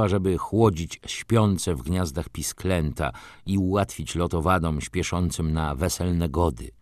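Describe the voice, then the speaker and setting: A man reads a novel aloud in a measured, literary manner. His low voice moves through wide, lively intonation. The recording is dry and close. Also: no room sound. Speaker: audiobook narrator. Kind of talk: scripted audiobook narration.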